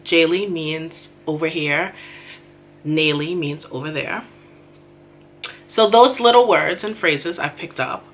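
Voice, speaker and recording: A woman's voice: low-pitched, slow pace, long pauses, fairly bright tone. A young woman hosting her podcast in a chatty, self-deprecating way. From The Bahamas. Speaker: podcast host. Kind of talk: casual solo podcast chat.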